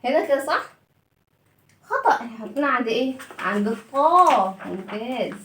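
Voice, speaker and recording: A woman with an Egyptian Arabic accent teaching young children to read, drawing out syllables and repeating words in an animated way. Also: on the high side, fairly quick. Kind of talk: phonics lesson for young children. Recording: echoey room.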